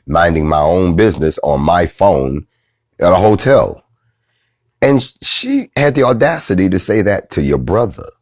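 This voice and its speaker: Low-voiced dude ranting and preaching on his show, swears a lot, voice swings all over, dry close sound. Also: no echo. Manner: animated, preachy, swears freely. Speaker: host. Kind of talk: profane storytelling monologue.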